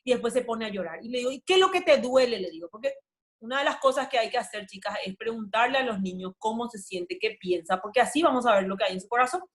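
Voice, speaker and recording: A woman's voice: on the high side, quick pace. A woman leads a discipleship talk for women, telling a family story in a conversational way with many fillers. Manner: conversational, often adds "¿verdad?", many fillers. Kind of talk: devotional teaching with a family anecdote.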